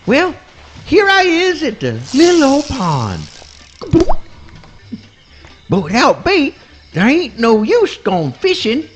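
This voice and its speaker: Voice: high voice, huge pitch swings, takes it slowly, pauses often, slight background noise, full character voice. An actor voicing a mild-mannered male possum in folksy swamp dialect with mangled grammar, in a live radio play. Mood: easygoing musing.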